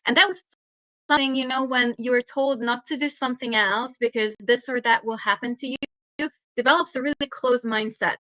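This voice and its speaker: A woman speaks on a video call, her voice bright and a touch higher than most. She talks earnestly, with frequent small hesitations. The sound is dry and close, with no room echo. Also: steady tone, moderate pace. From Hungary. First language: Hungarian. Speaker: guest speaker, startup mentor. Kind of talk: online talk presentation.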